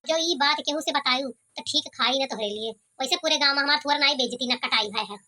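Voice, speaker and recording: Speaking quickly in a sharp, high-pitched voice, a woman with an Awadhi accent does comedic cartoon voice acting. She plays a self-important village headman who is bossy and scheming, an older man with two daughters.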